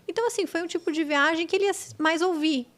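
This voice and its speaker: A middle-aged woman from Brazil, an English teacher, chatting as a podcast guest and explaining with quick, animated examples. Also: very high-pitched. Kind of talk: casual podcast chat.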